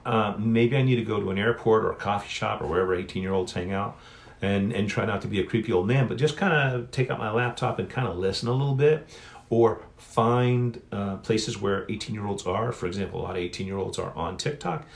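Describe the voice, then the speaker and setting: Middle-aged male author hosting a solo live Q&A on his phone. Low, gravelly voice, chatty and meandering. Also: brisk. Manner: rambling, self-correcting, chatty. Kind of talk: casual solo livestream chat. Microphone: phone on a stand.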